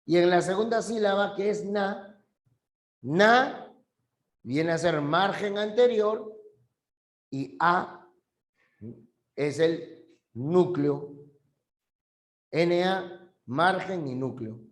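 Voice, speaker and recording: Male teacher, measured classroom delivery, higher than average voice, patient and repetitive. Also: roomy sound. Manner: patient, repeats key terms, checks understanding. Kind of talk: classroom language lesson.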